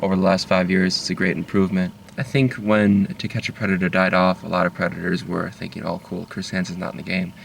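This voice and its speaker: Man, very low flat voice, halting casual monologue, car interior, faint engine noise. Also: vocal fry, recorded from a distance. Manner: low-key, halting, many fillers and restarts. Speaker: vlogger. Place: inside a moving car.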